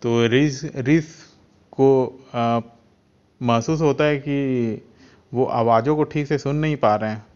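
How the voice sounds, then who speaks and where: A man hosting a film channel, giving a casual, unhurried and halting retelling of a movie's plot. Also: medium pitch, darkish tone. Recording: dull lo-fi recording.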